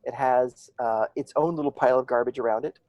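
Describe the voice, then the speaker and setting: A man's voice: mid-range voice, fairly quick, a little mellow, no echo, lo-fi sound. A man narrating as game master, rambling with many fillers and restarts.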